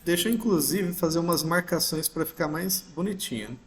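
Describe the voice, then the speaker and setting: A man's voice: a little high, moderate pace. A man teaching a grammar lesson, patiently explaining step by step and checking in with his listeners often. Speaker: English teacher. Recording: roomy echo.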